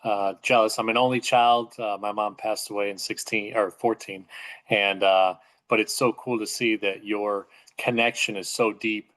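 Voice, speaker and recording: A man's voice: fairly low pitch, fairly even intonation, moderate pace, a bit bright, rough recording. A man hosting a podcast interview, enthusiastic and full of fillers. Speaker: podcast host.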